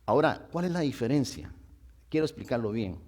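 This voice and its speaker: A man's voice: medium pitch, animated, a little fast, darkish tone. A man leading a church Bible study, asking the congregation questions and repeating phrases for emphasis. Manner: asks the congregation rhetorical questions.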